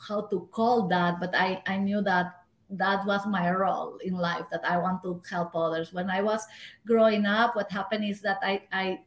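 A woman's voice: mid-range voice, level tone, normal speed. Peruvian woman, roomy remote call. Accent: Peruvian Spanish. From Peru. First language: Spanish. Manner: laughs often, repeats words when starting. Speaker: guest, physician. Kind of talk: casual interview chat. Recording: roomy echo.

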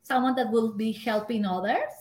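A woman's voice: fairly high pitch, normal speed. A woman from Peru in her forties with a Peruvian Spanish accent, a physician who chats casually as an interview guest, laughs often and restarts words. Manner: laughs often, repeats words when starting. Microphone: remote call. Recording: roomy echo.

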